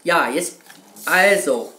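A man's voice: a little high, animated, slow pace, sharp tone, echoey room. A man giving a casual, rambling video reply about a video game, who keeps addressing his viewers as "Kunstfreunde" and swears casually. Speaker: gaming video host.

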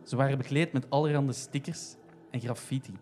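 A man narrating a comic story in a steady, even way. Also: mid-range voice, brisk, soft background music.

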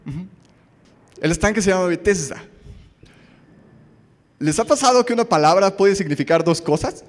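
A man's voice: high voice, animated, moderate pace. Mexican guy preaching, chatty storyteller, voice bouncing up and down, long echo of a hall. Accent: Mexican Spanish. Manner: storytelling, conversational, asks the audience questions. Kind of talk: casual sermon with jokes.

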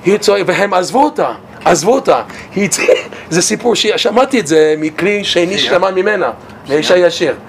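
Animated man teaching Torah, noisy recording. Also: high-pitched, gravelly. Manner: animated, stammers and repeats words, laughs while telling stories.

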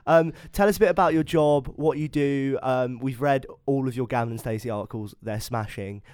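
A man's voice: medium pitch, brisk, a little mellow, clean tone. A man co-hosting a podcast, upbeat and jokey with casual slang. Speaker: podcast co-host.

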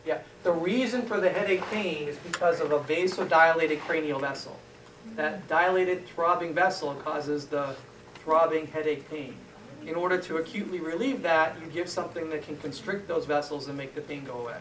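A man's voice: a little high, moderate pace, a bit bright, far from the mic. A man teaching a pharmacology class, asking the students questions and then answering them himself. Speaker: pharmacology lecturer. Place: lecture room. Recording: echoey room, voice from afar, faint hiss.

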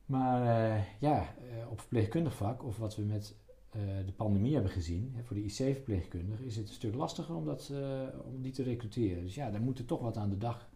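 A middle-aged doctor, appearing as an interview guest, explains things casually, frequently restarting phrases and repeating words. His medium-pitched voice is warm, and he speaks a little fast with few pauses.

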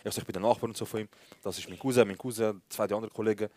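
Fast-talking Swiss German young man. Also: lowish voice. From Switzerland. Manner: animated anecdotes acting out dialogue, slangy. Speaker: podcast co-host. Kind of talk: live comedy podcast storytelling.

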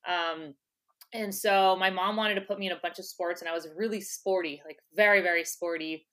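Speaking fairly quickly with a lowish, bright, forceful voice and fairly even intonation, a native English-speaking woman chats as a podcast guest. The former soccer player laughs a lot and leans on filler words throughout the relaxed interview.

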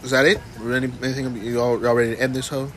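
A young man hosting a podcast, talking loud and profane in crude casual banter, often mocking others in high put-on voices. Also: little pitch movement, quick pace. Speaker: podcast host.

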